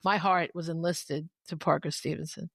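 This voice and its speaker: A woman in her fifties with a Long Island accent, hosting a casual podcast chat and telling stories in an animated way, often restarting and repeating words. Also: sits low, normal speed, gravelly, no echo, studio quality. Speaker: podcast host.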